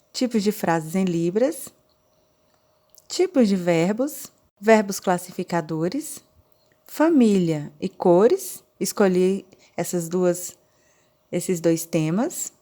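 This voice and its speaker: A woman with a Brazilian Portuguese accent teaching a recorded online lesson, explaining slowly and step by step. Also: medium pitch, lively intonation, dark tone. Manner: slow, deliberate, explaining step by step. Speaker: sign language teacher.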